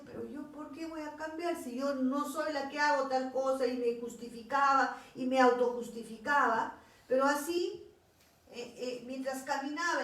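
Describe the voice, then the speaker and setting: A woman's voice: sits high, heavy reverb, far from the mic. A woman preaching a sermon, earnest, with repeated pleading phrases.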